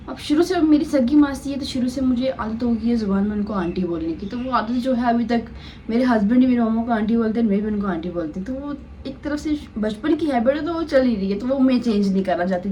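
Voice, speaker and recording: A woman's voice: medium pitch, dark tone, a little hiss or hum, poor audio. Chatty young woman vlogging at home. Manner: chatty, talks to viewers and coos to her baby daughter. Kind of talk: casual daily vlog. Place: home kitchen and bedroom.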